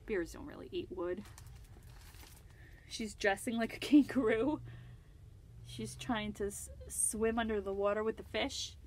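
A woman librarian reading a picture book aloud to children, gently asking them questions and laughing often. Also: medium pitch, unhurried, long pauses, a little hiss or hum. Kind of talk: storytime read-aloud for children.

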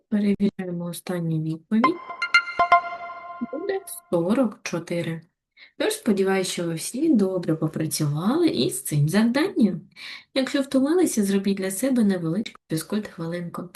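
A woman with a Ukrainian accent giving a recorded lesson to young schoolchildren, explaining patiently and clearly. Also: medium pitch, sing-song, normal speed, a little mellow, faint music behind. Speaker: primary school teacher. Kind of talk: recorded video lesson for children.

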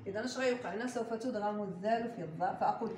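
Patient Moroccan woman teaching tajweed. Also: mid-range voice. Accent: Moroccan Arabic. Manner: patient, slow and drawn out when modelling recitation; quizzes the class and prompts answers. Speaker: Quran recitation teacher. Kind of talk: tajweed class with students. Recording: echoey room with steady background noise.

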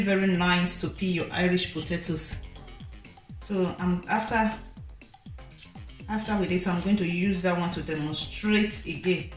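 A woman talking through a home cooking demonstration for her channel, chatty and casual, peppering her talk with "so guys" and "you know". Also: medium pitch. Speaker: cooking vlogger. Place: home kitchen. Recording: echoey room with faint background music.

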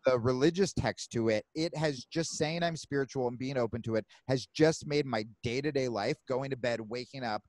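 A man hosting a podcast, chatting casually in an animated way with frequent swearing. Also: medium pitch, dry recording. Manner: animated, swearing, quick asides. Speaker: podcast host. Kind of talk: casual chat.

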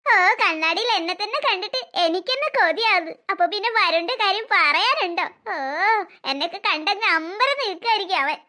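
A woman's voice: very high-pitched, expressive, fairly quick, bright, forceful tone, exaggerated voice. A woman voicing a scheming, jealous teenage girl in a cartoon story, muttering slyly with mocking laughs.

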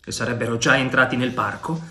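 A man voicing a fierce, passionate male pirate chief with a lower, heavier delivery, in a storybook reading. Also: fairly even intonation, quick pace, bright, forceful tone. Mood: intense.

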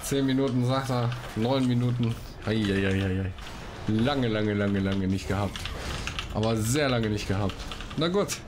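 Speaking at a moderate pace in a voice on the low side, a man narrates a casual let's play, reading quests out loud. His manner is chatty and informal, punctuated by exclamations. The setting is a room at home, and the clear recording includes background noise and typing.

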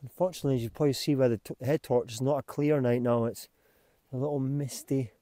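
A man, talking casually to camera from inside a small tent at night, relaxed and rambling with lots of ums. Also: mid-range voice, fast talker, no room sound. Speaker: hiking vlogger. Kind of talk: casual vlog talk to camera. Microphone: camera held close while lying down.

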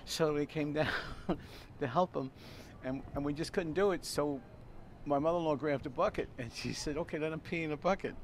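A man's voice: fairly high pitch, brisk. An older man hosting a cooking video at an outdoor grill, rambling through a long anecdote with frequent chuckles and repeated words. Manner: chatty, laughs often, repeats words. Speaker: cooking show host. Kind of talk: rambling storytelling while cooking. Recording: noisy outdoor recording with traffic. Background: outdoor ambience, passing traffic.

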